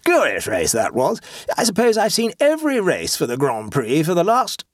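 A pushy, boastful clubman voiced by a man who can't stop talking about his own exploits. The voice sits noticeably higher than the reader's own, and it comes out loud, eager and a little breathy. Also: wildly swooping pitch, normal speed, no echo, studio quality, heavily acted. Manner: blustering, eager to talk about himself. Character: boastful, pushy male club bore.

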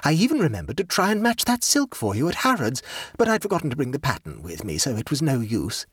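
A man's voice: medium pitch, huge pitch swings, fast, breathy edge, no room sound, clean studio sound, pitched above the performer's own voice. A man voicing a cheerful, absent-minded society woman who chatters and rambles. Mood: breezy. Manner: breezy, rambling.

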